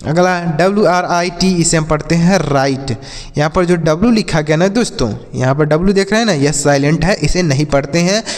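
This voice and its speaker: A man's voice: fairly high pitch, a little fast, big-room sound. A man teaching English words to Hindi-speaking viewers, repeating each word and asking questions back. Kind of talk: Hindi-language English vocabulary lesson.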